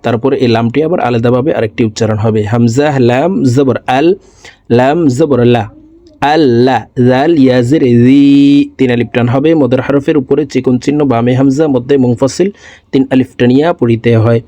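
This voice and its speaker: Guy teaching recitation slow, spells every syllable, warm voice, dry close sound. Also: medium pitch, steady tone, no echo. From Bangladesh. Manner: slow syllable-by-syllable drilling, explains pronunciation rules; slow melodic chanted recitation.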